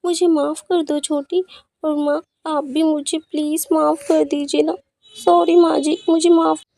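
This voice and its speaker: A woman's voice: high voice, steady tone, unhurried, mellow, no room sound. A woman voicing a lazy, complaining young daughter-in-law in a cartoon story. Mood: remorseful. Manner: whiny, complaining.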